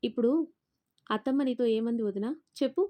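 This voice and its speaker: A defiant young daughter-in-law, as a woman storyteller puts her on, firm and confrontational with a raised voice. The pitch sits fairly high, the tone mellow. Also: fairly even intonation, fairly quick, natural voice.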